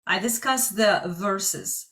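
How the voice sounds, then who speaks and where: A woman's voice: mid-range voice, slow, a bit bright. A woman from Algeria, hosting a heated live debate in a pointed, insistent manner that cuts in often. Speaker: debate stream host.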